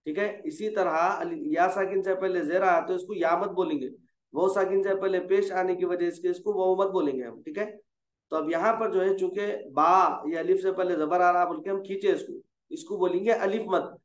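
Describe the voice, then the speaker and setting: High-voiced man patiently teaching letters. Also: steady tone. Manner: coaxing, corrects gently and repeats letters slowly. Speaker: Quran reading teacher. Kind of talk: patient tutoring over a call. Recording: roomy, dull lo-fi sound.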